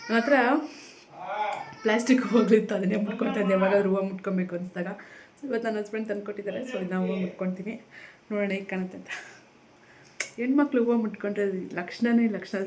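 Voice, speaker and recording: A woman filming a casual home vlog, talking gently and coaxingly as a mother and chatting to her viewers. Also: medium pitch. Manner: gentle, coaxing, soft-spoken. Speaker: vlogger and mother.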